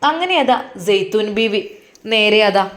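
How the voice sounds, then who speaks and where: A woman narrating a story at a steady, plain pace. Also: medium pitch, measured pace.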